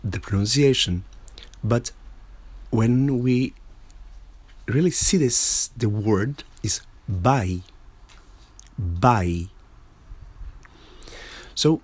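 A man teaching a language lesson, patiently repeating each word slowly and stressing its syllables. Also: mid-range voice, a little mellow, husky, no echo. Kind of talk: slow spoken language lesson.

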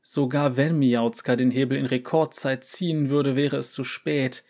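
A man narrating a short story aloud in a calm, measured way. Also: medium pitch.

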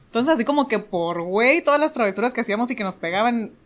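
A woman's voice: fairly high pitch, expressive, quick pace. Mexican woman, casual co-host, chatty laughing storyteller. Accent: Mexican Spanish. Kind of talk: casual chat.

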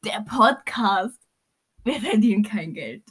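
A woman's voice: medium pitch, lively intonation, slow pace, breathy edge. A young woman co-hosting a podcast, bantering playfully and teasing in casual chat. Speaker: podcast co-host.

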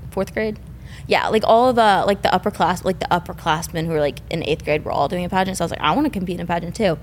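A woman's voice: lowish voice, steady tone, quick pace, slight background noise. A young woman guest in a casual podcast chat, giggly and rambling, full of fillers.

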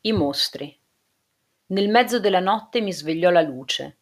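A woman narrating a novel aloud in a steady, measured reading. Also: lowish voice. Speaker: audiobook narrator. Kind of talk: literary audiobook narration.

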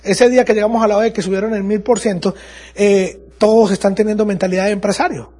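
A man's voice: high-pitched, steady tone, fast talker, warm tone, breathy edge. A man giving a motivational business talk to an audience, repeating phrases for emphasis. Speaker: motivational speaker.

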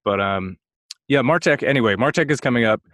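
A man's voice: mid-range voice, lively intonation, fairly quick, fairly bright tone, no echo, studio quality. A man in his late thirties co-hosting a podcast, rambling and joking as he thinks aloud in casual chat. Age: 30s. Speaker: podcast co-host.

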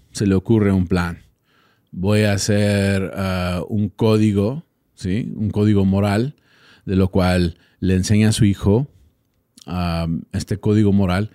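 A native English-speaking man from Texas with an American accent hosts a casual solo podcast, often hesitating as he hunts for words. His lowish voice is warm, and the recording is studio quality with no echo.

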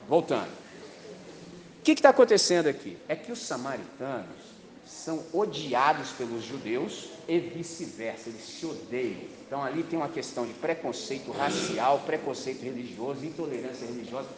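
Animated Brazilian preacher, slangy and lively. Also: male voice, mid-range voice, in a large hall. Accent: Brazilian Portuguese. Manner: lively, slangy, rhetorical questions. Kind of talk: sermon.

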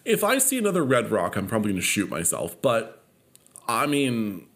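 Podcast host, male, from California; animated, swearing storyteller with a very expressive pitch. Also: moderate pace. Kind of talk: casual chat.

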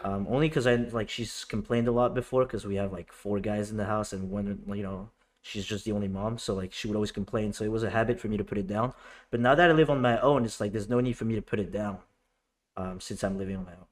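A man's voice: on the low side, fairly even intonation, fast talker. A young man in casual group chat, rambling on with many fillers.

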